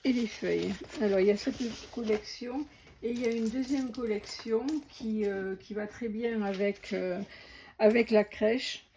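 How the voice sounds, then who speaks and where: Woman, unboxing chat, slow and halting, mellow tone. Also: mid-range voice, fairly even intonation, a little hiss or hum. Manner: slow, hesitant, many fillers and restarts. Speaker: crafting vlogger. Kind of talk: casual unboxing commentary.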